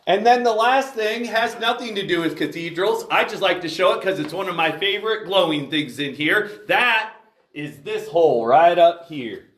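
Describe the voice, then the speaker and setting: A man's voice: sits high, animated, normal speed, a bit bright, recorded from a distance. A man leading a group through an underground cave as tour guide, giving friendly directions and safety tips while his voice echoes off the rock. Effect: cave echo. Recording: echoey cave, voice heard from afar.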